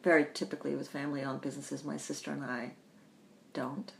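A woman who grew up in the Bahamas, telling her family history in an interview, thoughtful and pausing often. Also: rumbling low, little pitch movement, creaky, a little hiss or hum. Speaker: interview guest. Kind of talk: reflective personal storytelling.

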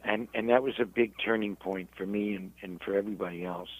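A man, a rabbi, telling his story in an interview in halting, self-repeating speech. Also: lowish voice, steady tone, no room sound, poor audio. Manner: halting, repeats words while searching. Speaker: rabbi and guest.

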